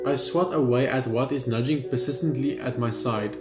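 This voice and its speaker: As he plays on video, a man comments and reads the in-game story aloud, occasionally tripping over words. He's a gaming video host with a mid-range voice at normal speed. There's a roomy echo, and game music plays faintly.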